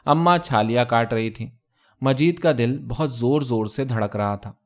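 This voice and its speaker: A male storyteller reading a translated short story aloud in a measured, even way. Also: mid-range voice. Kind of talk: scripted story narration.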